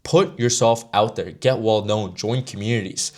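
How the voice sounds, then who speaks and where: A man's voice: fairly low pitch, normal speed. A man of about twenty giving a brash motivational talk to camera as a sales mentor, casual and slangy. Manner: brash, slangy, straight-talking.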